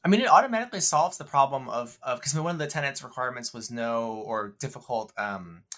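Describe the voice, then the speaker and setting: A man's voice: mid-range voice, lively intonation, quick pace, fairly bright tone. A man brainstorming ideas in casual chat, blunt and swearing casually. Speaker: worldbuilding collaborator.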